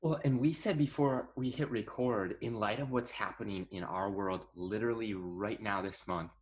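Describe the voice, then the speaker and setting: Slightly low-voiced American man hosting. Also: normal speed. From Minnesota, US. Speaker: podcast co-host. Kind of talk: casual hosting talk.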